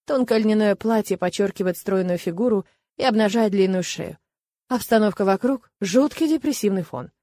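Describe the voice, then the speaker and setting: A woman narrating a first-person fantasy audiobook with expressive, lively storytelling. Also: medium pitch, moderate pace, dry recording.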